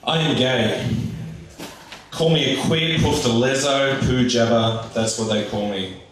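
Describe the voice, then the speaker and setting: A man's voice: medium pitch, a little slow. A man performing slam poetry with a declamatory delivery. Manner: declamatory, first-person declarations. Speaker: slam poet, competitor. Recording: very echoey hall, distant microphone.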